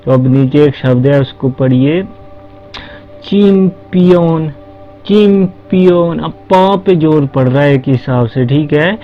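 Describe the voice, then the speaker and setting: A man's voice: medium pitch, normal speed, hardly any pauses. A man teaching a language lesson, patient and step by step, asking questions and answering them himself. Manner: patient, repeats "ठीक है", asks and answers his own questions. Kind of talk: slow spoken language lesson. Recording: dull lo-fi recording with faint music.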